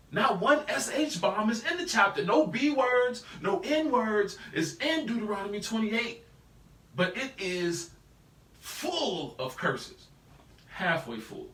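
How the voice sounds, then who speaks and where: With a high voice and a roomy sound, a U.S. man teaches a live Bible study from far off the mic. He talks in a casual, slangy, animated way and leans constantly on a rhetorical "right?".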